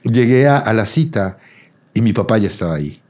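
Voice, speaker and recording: Mexican guy in his thirties, low husky voice, acts out quotes while telling a story. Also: expressive, a little fast, darkish tone. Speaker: guest. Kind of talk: casual chat.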